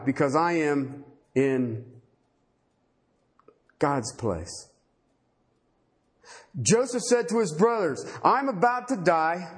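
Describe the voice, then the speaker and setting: Animated male preacher with lively pitch. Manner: animated, acts out biblical voices, asks rhetorical questions. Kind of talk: sermon.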